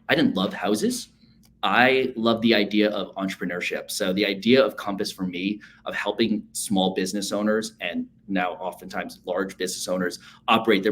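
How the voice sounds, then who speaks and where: A man's voice: fairly low pitch, a bit bright, slight background noise. Upbeat man on a video call. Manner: upbeat, conversational, frequent fillers. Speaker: associate sales manager, guest.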